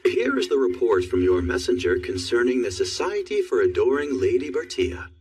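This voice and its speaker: A man's voice: mid-range voice, wildly swooping pitch, moderate pace, darkish tone. A man playing a formal, deferential aide to a prince in an English anime dub. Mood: formal, deadpan. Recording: slightly distant sound, music behind.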